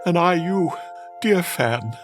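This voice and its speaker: A man's voice: high-pitched, animated, slow pace. An actor playing Ebenezer Scrooge, an old miser moved by his past, in an emotional, theatrical radio play style. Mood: tender, pleading. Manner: wistful, emotional, exclaiming. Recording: music behind the voice.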